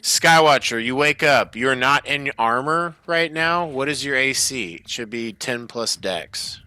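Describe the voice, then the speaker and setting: A man's voice: medium pitch, lively intonation, unhurried, pushed and bright, clean tone. A man running a tabletop game as game master, easygoing and laughing often.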